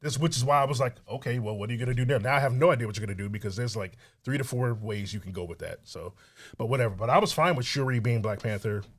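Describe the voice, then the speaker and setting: A man from Chicago, a podcast guest chatting casually, laughing often and trailing off quietly. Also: medium pitch, animated, fast talker, slightly rough. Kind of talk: casual chat.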